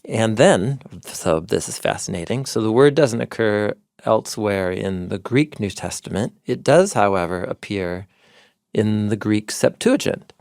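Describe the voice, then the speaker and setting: A man co-hosting a podcast in an eager, scholarly way, digging into ancient sources. His voice has a gravelly creak and an average pitch. The studio sound is close and dry. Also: animated, measured pace, a little mellow, no echo. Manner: enthusiastic scholarly explaining, citing ancient sources. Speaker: podcast co-host, Bible teacher. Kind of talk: explanatory podcast conversation.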